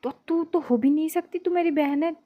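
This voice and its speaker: A woman's voice: high voice, moderate pace, phone-quality sound, voice pushed up, natural voice. A woman voicing Kashish, a flustered young woman student who stammers and trips over her words in a spoken love story. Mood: indignant.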